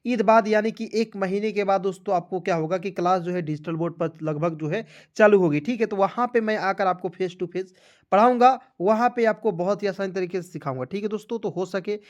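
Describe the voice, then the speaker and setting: A man's voice: sits high, brisk. A man teaching an online spelling lesson, going through each step patiently and repeating it often.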